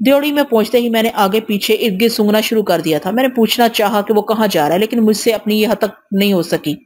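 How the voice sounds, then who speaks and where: A woman reading an audio novel aloud in first person, steady and measured. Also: mid-range voice.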